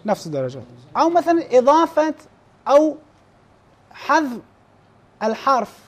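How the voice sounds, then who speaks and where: A man with a very high-pitched voice leads a classroom lesson on recitation. He explains how errors are graded in a plain teaching manner. He often restarts words and clears his throat. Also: sing-song, fairly bright tone. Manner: explains scoring plainly, slows down to demonstrate recited verses.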